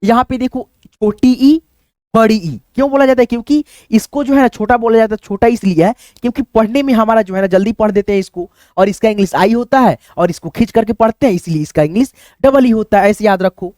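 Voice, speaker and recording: A man's voice: sits high, fast, darkish tone, dry recording, clean studio sound. A man teaching a language lesson in a chatty way, often calling his listeners friends, checking they follow, and drawing out vowel sounds to show them. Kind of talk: screen-based language lesson.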